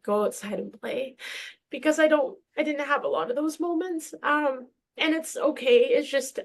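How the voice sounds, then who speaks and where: Young woman guest, gravelly, earnest and reflective; from Canada. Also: fairly high pitch. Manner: earnest, reflective, emotional at times. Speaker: podcast guest. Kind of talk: casual conversation.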